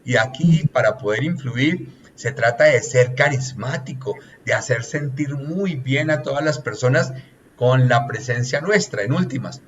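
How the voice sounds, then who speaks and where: A man's voice: medium pitch, unhurried, muffled recording, slight background noise. A man, a relationships consultant giving an earnest, teacherly coaching talk that lists points one by one.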